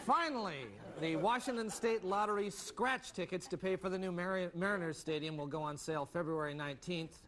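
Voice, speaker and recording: A man delivering deadpan jokes as the anchor of a comedy newscast. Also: high voice, a little fast, few pauses. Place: TV studio with live audience. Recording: broadcast with loud audience and noise.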